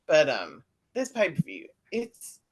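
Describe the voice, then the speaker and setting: A woman on a podcast panel, chatting casually in an animated, mocking way with quick asides. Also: sits low, slightly rough. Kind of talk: casual chat.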